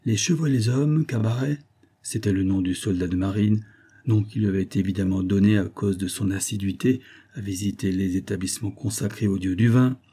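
Man, audiobook narration, husky, dark tone, acts out dialogue. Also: a little fast. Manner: reads dialogue with lively raised pitch for each character. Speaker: audiobook reader. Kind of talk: scripted narration of a classic novel.

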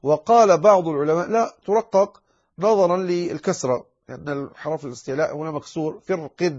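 A man teaching a recitation lesson, explaining rules patiently and pausing with drawn-out fillers while he models correct and wrong readings. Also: on the high side, darkish tone, dull audio. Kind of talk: tajweed lesson with recited examples.

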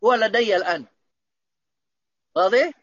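A man's voice: high voice, normal speed, fairly bright tone, no room sound, dull audio. A man teaching Arabic grammar in an online lesson, patiently explaining and checking that students understand.

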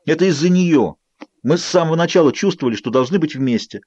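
Man doing a young werewolf guy begging and arguing back, pitched up, dry dull recording. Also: expressive, quick pace, darkish tone, dry recording. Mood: pleading. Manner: pleading, defensive.

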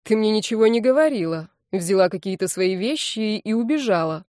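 A woman's voice: mid-range voice, expressive, fairly quick, a little mellow, dry recording, studio quality, close to an everyday voice. A woman voicing a scornful, dismissive older male manager. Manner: sneering, dismissive.

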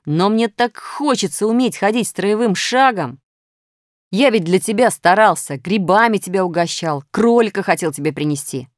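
A woman's voice: mid-range voice, animated, moderate pace, no echo, clean studio sound, pitched above the performer's own voice, natural voice. A woman voicing a mischievous, childish male minus sign who pleads and makes excuses in a storybook. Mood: wheedling.

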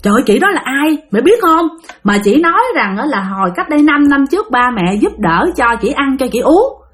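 A frightened teenage boy, played by a woman narrator, rushing through a breathless account. The voice stays fairly high, much like her own. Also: big pitch swings, a bit bright. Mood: scared. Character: frightened teenage boy telling his mother.

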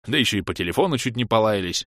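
A man voicing a rough, brash young male friend who talks in blunt slang, in an audiobook reading. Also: on the low side, lively intonation, racing, a bit bright, no echo, studio quality. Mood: rowdy.

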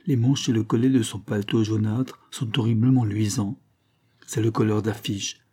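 Male audiobook narrator, low-pitched, very dark and husky, measured literary reading. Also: steady tone.

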